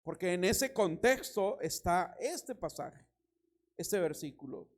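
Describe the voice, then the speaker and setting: A man preaching a sermon as pastor, reading scripture and telling anecdotes with lively emphasis and a Mexican Spanish accent. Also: high voice, slow pace. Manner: animated preaching, reads scripture, tells anecdotes with laughter.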